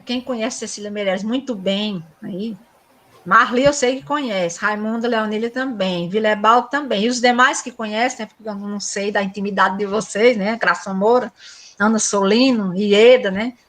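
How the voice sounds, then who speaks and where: Middle-aged female teacher, high voice, lilting recitation, chatty asides, over a video call. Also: moderate pace, a bit bright. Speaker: cordel workshop teacher. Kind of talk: reciting cordel verse and explaining meter.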